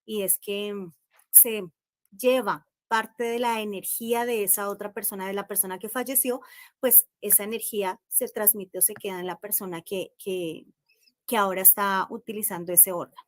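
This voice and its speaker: A woman's voice: mid-range voice, steady tone, no room sound. Reflective Colombian woman, dry sound. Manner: reflective, measured, with many pauses. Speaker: panel guest. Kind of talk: live-stream discussion.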